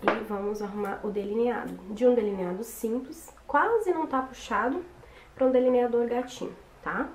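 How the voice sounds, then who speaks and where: A young woman, hoarse from a cold, chatting casually through a makeup tutorial. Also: a little high, normal speed, darkish tone. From Brazil. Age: young adult. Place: small bedroom, indoors. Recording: roomy echo with background noise.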